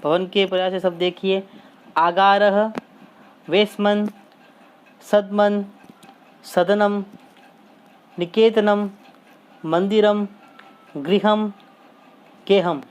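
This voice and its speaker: Slow, deliberate male teacher reading lists. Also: sits high, fairly even intonation, clean tone.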